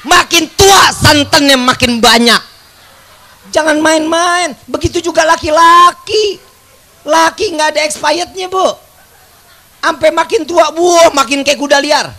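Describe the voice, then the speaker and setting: A man preaching a humorous religious sermon, joking and calling out loudly to the crowd. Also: very high voice, a little slow. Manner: joking, loud call-and-response with the crowd. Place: outdoor religious gathering.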